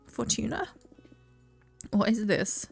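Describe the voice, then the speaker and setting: A woman's voice: mid-range voice, takes it slowly, creaky, breathy edge, soft background music, exaggerated voice. A woman voicing a playful woman in a video game, reading the lines lightly. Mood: bewildered.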